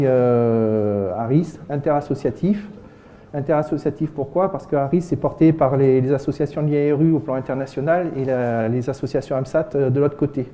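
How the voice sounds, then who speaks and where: A man giving an informal presentation as an amateur radio volunteer, chatty and halting. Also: on the high side, warm tone, a little hiss or hum. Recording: muffled lo-fi sound, dull microphone.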